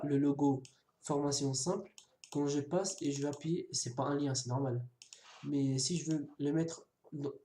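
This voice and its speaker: A man's voice: mid-range voice, dark tone. Man, coding tutorial, casual and hesitant, lots of fillers, self-mocking jokes, keyboard clicks, faint noise. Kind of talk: screen-recorded coding tutorial. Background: keyboard typing and mouse clicks.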